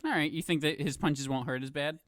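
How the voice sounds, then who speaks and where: A man's voice: on the high side, a little fast, a bit bright, no echo. A man co-hosting a casual podcast chat, teasing his friends in a dry, laid-back way. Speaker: podcast co-host.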